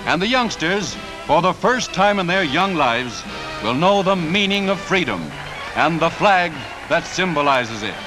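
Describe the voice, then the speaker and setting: A man's voice: fairly high pitch, very animated, a little slow, low-quality recording. A man narrating a 1940s newsreel with a punchy announcer delivery and wry quips. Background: music score.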